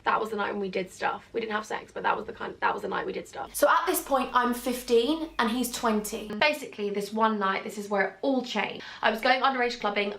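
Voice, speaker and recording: A woman's voice: mid-range voice, fairly bright tone. A woman in her twenties with an English accent, telling a rambling storytime vlog in a chatty way, full of fillers. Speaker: vlogger.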